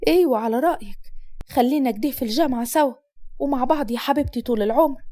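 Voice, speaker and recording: A woman's voice: high voice, rapid-fire, warm tone, natural voice. A woman voicing a talkative, teasing schoolgirl friend with an Upper Egyptian accent. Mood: chatty.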